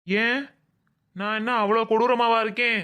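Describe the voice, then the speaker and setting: A high-pitched, kindly village doctor, voiced by a man in a cartoon comedy. He speaks patiently and in a fatherly way, with a Madurai Tamil accent. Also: flat delivery, moderate pace, sharp tone, clear, resonant tone. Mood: puzzled.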